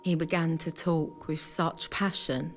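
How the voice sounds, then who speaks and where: An actress narrating an adventure game's story as a scripted storyteller. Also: female voice, low-pitched, steady tone, unhurried, soft background music. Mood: measured narration.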